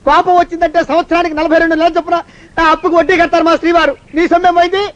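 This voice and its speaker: A man's voice: very high voice, level tone, very fast, a bit bright. An actor playing a flustered comic man who wails in panic and cracks nervous sarcastic jokes, on a dull lo-fi film soundtrack.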